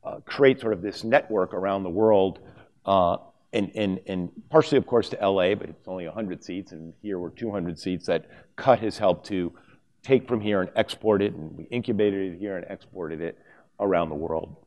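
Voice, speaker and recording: A man's voice: low-pitched, moderate pace, a little mellow. A middle-aged man giving a conference talk from a lectern, speaking casually with frequent fillers and restarts. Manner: conversational, with many fillers and restarts. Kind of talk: conference presentation. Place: conference hall stage, at a lectern. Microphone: lapel mic.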